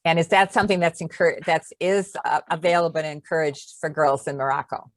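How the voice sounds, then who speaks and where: A woman's voice: low voice, fairly quick, no echo. A woman moderating a webinar, asking questions carefully and rephrasing them as she goes.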